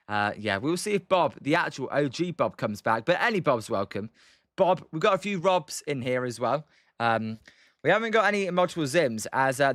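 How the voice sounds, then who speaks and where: On this livestream, a young British man tosses out casual game commentary between answering chat, his speech rambling and hesitant with frequent ums and uhs. His slightly bright, high-side voice comes through at studio quality with no room sound.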